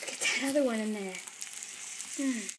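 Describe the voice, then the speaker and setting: High-voiced woman cooking, slow and playful. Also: background noise. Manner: playful, muttering to herself while cooking. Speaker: home cook vlogger. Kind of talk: casual cooking demo. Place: home kitchen. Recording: echoey kitchen, sizzling pan.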